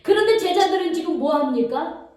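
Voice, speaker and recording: A woman's voice: extremely high pitch, lively intonation, brisk, darkish tone. A woman preacher giving a sermon, telling a story vividly and quizzing the congregation as she goes. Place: church sanctuary. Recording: echoey hall, mic from far off.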